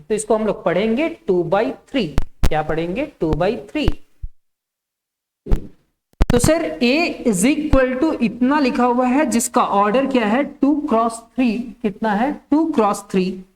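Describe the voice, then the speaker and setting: A woman's voice: medium pitch, a little mellow. A woman teaching a maths lesson. She dictates step by step, asks the class questions and answers them herself, and repeats the key terms.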